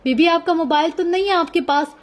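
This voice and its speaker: A woman's voice: very high voice, fairly quick, voice pushed up. A woman voicing an earnest young male servant who is eager to help, in a novel reading. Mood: worried.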